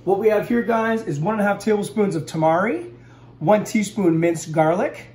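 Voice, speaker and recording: This home-kitchen cooking host, a man in his forties, keeps things casual and upbeat as he demonstrates for the camera and talks to his viewers as "guys." His voice sits high and a little mellow at a normal speed, and the distant mic captures a roomy sound with faint kitchen noise.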